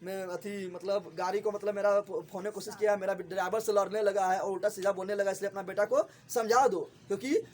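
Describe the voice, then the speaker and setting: A man, teaching a story chapter to a class, often asking a quick question and answering it himself. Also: sits high, steady tone, a little mellow.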